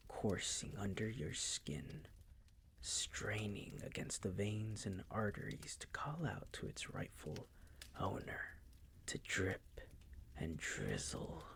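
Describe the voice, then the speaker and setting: Here the same suave, possessive vampire master speaks low and heavily acted, his hushed, breathy delivery silky and condescending as he teases. The mood turns menacing and seductive in this intimate roleplay.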